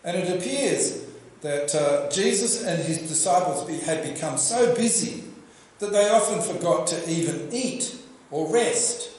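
An older Australian man preaching a sermon at a church lectern, telling the story in a lively way and asking the congregation questions. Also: a little high, measured pace. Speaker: pastor. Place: church hall with projection screen. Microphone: lectern microphone. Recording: very echoey church room.

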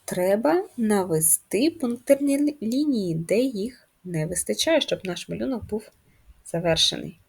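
A woman's voice: mid-range voice, lively intonation, measured pace, vocal fry, darkish tone, husky. A woman teaching a first-grade handwriting lesson, explaining patiently step by step and asking the children simple questions. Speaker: primary school teacher.

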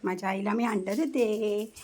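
A woman's voice: medium pitch, moderate pace, warm tone. A woman chatting casually to her pets as she feeds them, coaxing and scolding them by turns. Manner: scolding, coaxing talk to animals. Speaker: vlogger feeding pets. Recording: faint background noise.

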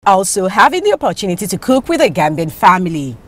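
A woman's voice: mid-range voice, sing-song, fast, a little hiss or hum. Upbeat woman promo narrator. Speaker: voice-over narrator. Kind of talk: scripted narration.

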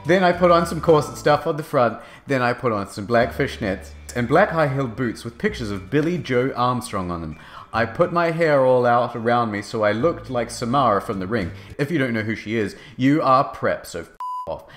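A man's voice: mid-range voice, animated, normal speed, fairly bright tone, faint music behind. A man narrating a comedic dramatic reading of fan fiction, with a mock-serious, overwrought delivery.

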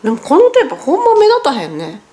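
A high, lively woman, chatting to camera at home. Her voice swings up and down as she goes. She sounds a little stiff and strained after nose surgery, and she often corrects herself mid-sentence. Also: fast talker. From Japan. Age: 40s. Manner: chatty, self-correcting, talks while wincing in pain. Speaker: vlogger. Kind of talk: casual vlog narration. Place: at home, indoors.

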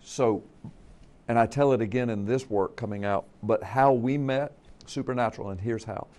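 A middle-aged pastor and author from the US Gulf Coast speaks at a moderate pace in a medium-pitched voice. Seated on a TV studio panel with a lapel mic, he tells a story animatedly, gesturing with his hands.

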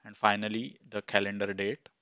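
A man in his thirties, an instructor, talking step by step through a screen-recorded software tutorial on a headset mic, with fillers as he goes. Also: on the low side, flat delivery, normal speed, dry recording, lo-fi sound. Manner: plain step-by-step, thinking aloud with fillers. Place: small room indoors.

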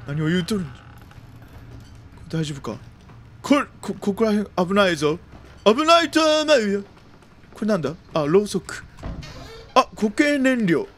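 A man doing jumpy let's-play commentary of a horror game, often repeating exclamations quickly and using old-man turns of phrase. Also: high-pitched, animated, a bit bright. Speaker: video game streamer.

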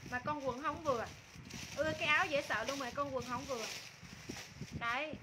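A woman's voice: a little high, noisy background. A woman in her thirties selling clothes live, with informal, repetitive sales patter aimed at customers. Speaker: live-stream clothing seller. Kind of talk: live sales chat, pitching items and calling out customers. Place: small indoor room with curtains.

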